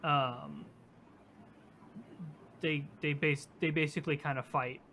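A man's voice: a little high, fairly even intonation, takes it slowly, pushed and bright, a little hiss or hum. A man at a tabletop role-playing game explaining how a rule works, with some hesitation and fillers. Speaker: player. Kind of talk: casual tabletop game play.

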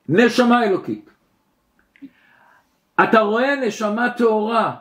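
A middle-aged rabbi teaches a class in a fairly high voice. His intonation swings widely and expressively as he tells stories and acts out the characters in them. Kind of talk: religious lesson with storytelling.

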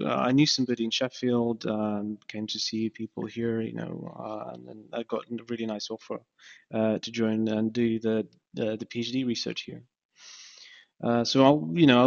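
Heard through dull, lo-fi podcast sound, this guest is a startup founder from Ukraine with a creaky, mid-range voice. He speaks in a relaxed, halting way, often restarting and leaning on fillers.

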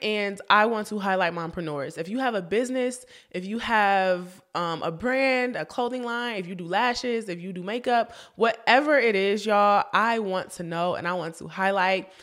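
A woman's voice: medium pitch, fairly bright tone. A young woman hosting a casual podcast for moms, chatty, often laughing and calling her listeners y'all. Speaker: podcast host.

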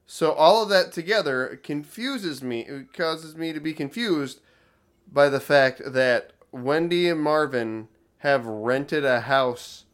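Podcast co-host guy, kinda high voice, dry and analytical. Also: slow pace. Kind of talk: casual chat about a cartoon episode.

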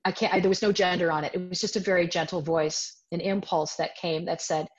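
Here a self-defense teacher in her forties gives an interview, relating something from her own life in a lively way and breaking into quotes of what she said. She speaks briskly in a lowish voice, captured on dull lo-fi audio.

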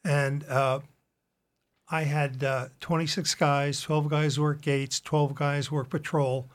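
A man in his seventies with a somewhat high-pitched voice, speaking as an old veteran remembering. He is a guest from Long Island, telling his own story in an interview. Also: level tone, slow pace. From Long Island, New York, USA. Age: 70s. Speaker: guest, retired veteran and painter. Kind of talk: personal recollection in a radio interview.

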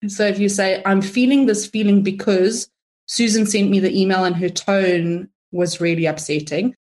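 A woman, a guest in a casual interview, talking in a chatty, animated way and acting out her own inner thoughts. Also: fairly low pitch. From South Africa.

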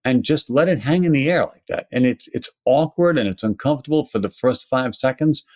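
Brisk and lively in intonation, his mid-range voice is a little mellow, captured with clean studio sound and no echo. He's a Brooklyn-accented pharmacist educator being interviewed, explaining emphatically and conversationally while posing rhetorical questions.

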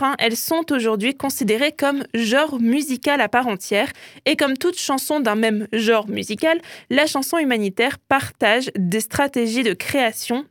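A woman's voice: on the high side, no room sound, clean studio sound. A woman hosting a radio show, chatting playfully about pop culture and often adding "hein".

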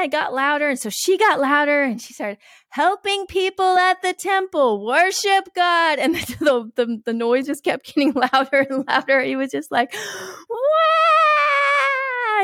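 A woman's voice: on the high side, no room sound, studio quality. A woman in her forties, a guest telling a family story in casual chat, laughing often and acting out the quotes.

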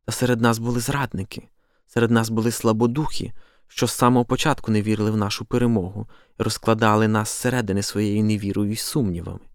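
A man's voice: fairly low pitch, fairly even intonation, quick pace, dry recording, clean studio sound, lightly acted. A man playing a fiery, impulsive apostle. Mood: rousing. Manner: heated, insistent, accusing. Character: fiery, impulsive male apostle, middle-aged.

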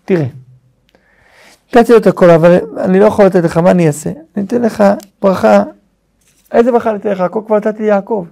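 A man's voice: sits high, steady tone, vocal fry, long pauses, warm tone, voice pushed up. A man voicing Isaac, an old blind father, speaking solemnly as he blesses and questions. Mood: regretful.

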